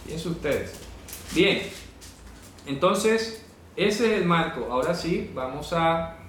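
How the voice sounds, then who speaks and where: A man's voice: on the high side, lively intonation, slow pace, fairly bright tone, slight background noise. A man teaching a Bible class, explaining words step by step and checking that students follow. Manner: explanatory, asks "¿ya?" to check understanding; corrects pronunciation insistently. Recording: echoey room, speaker far from the mic.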